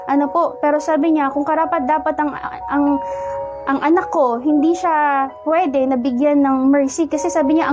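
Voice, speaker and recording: A woman with a high voice and a Filipino accent preaches a sermon. She tells her stories slowly and politely, often pausing on "ano po". Soft music plays behind her. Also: muffled recording. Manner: polite, unhurried storytelling with frequent "ano po" fillers.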